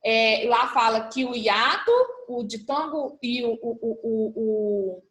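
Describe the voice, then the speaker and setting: High-voiced teacher in an echoey room. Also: female voice, slow pace, a bit bright. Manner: patient, spells out letters one by one. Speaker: primary school teacher. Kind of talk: recorded class review lesson. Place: school.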